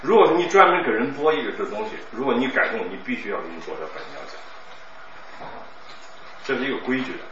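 A man's voice: mid-range voice, animated, fast, long pauses. A middle-aged man teaching recitation, coaching a student and answering questions in a chatty, teasing way. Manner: chatty, teasing, laughs often. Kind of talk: classroom coaching and Q&A. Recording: echoey, distant, muffled room with noise.

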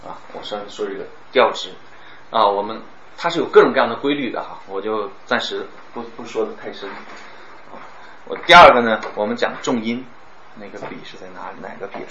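A man teaching a class on speaking, lively and demonstrating words with exaggerated stress and pauses. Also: fairly low pitch. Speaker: speech teacher. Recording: roomy, dull, some background noise.

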